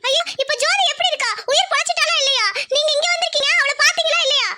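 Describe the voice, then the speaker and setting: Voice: extremely high pitch, steady tone, fast, heavy background noise. A performer voicing a devoted young village woman in a cartoon, pleading and anxious. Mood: alarmed. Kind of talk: cartoon voice acting.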